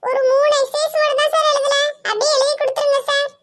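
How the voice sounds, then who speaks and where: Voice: extremely high pitch, little pitch movement, fast, fairly bright tone. A performer voicing a boastful teenage schoolboy who shows off to a girl. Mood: nervous, pleading.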